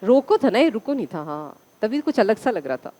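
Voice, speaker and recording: A woman's voice: mid-range voice, sing-song, fairly quick, dark tone. A woman teacher giving a classroom lecture, asking the students questions and answering them herself.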